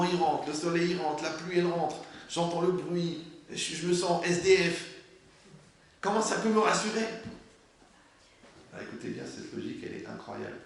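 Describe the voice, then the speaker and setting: A man giving a religious class, animated and humorous, asking his listeners rhetorical questions. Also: on the high side, creaky. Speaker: Torah teacher. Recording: very echoey room, faint noise.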